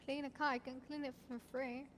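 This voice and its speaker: Woman, somewhat high voice, casual mechanic in roleplay, quick and a bit stumbling. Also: flat delivery, slight background noise. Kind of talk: in-character roleplay chat.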